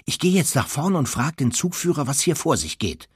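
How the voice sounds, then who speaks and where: A man voicing a sensible, bossy teenage girl with a brisk, decisive manner and a husky voice. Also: on the high side, sing-song, no room sound, studio quality, pitched above the performer's own voice, exaggerated voice. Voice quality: husky, raised voice.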